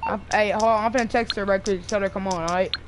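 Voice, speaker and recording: A woman's voice: mid-range voice, fairly even intonation, fast. A young woman chatting casually and bossily in slang while role-playing in an online game. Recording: noisy game stream with vehicle sounds. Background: game engine and ambience noise.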